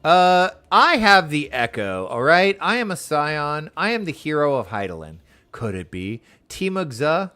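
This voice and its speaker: A man streaming a game with casual, excitable commentary, reading the dialogue aloud as he plays. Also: fairly high pitch, normal speed, hardly any pauses, clear, resonant tone, soft background music. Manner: excitable, exclaims and laughs often; reads on-screen dialogue aloud.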